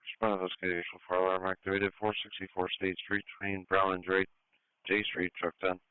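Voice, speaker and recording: A man's voice: deep voice, flat delivery, brisk, clear, resonant tone, no echo. A man working as a fire dispatcher, reading out calls in a procedural way over the radio. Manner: procedural, repeats addresses. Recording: narrowband dispatch radio channel.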